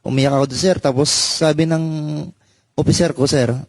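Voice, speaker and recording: A man, a former soldier, telling a personal story in halting speech and saying "sir" at almost every pause. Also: a little high, fairly even intonation, darkish tone, no echo. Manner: halting, addresses listener as sir constantly. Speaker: former soldier giving testimony. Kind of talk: emotional personal account.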